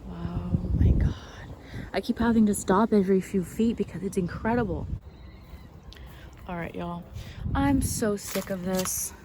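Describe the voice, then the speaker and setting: A woman vlogging casually as she walks outdoors through a cemetery, excitable and foul-mouthed, often dropping into whispers. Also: medium pitch, measured pace, long pauses, noisy background. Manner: excitable, swears freely, drops into whispers. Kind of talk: casual walking vlog.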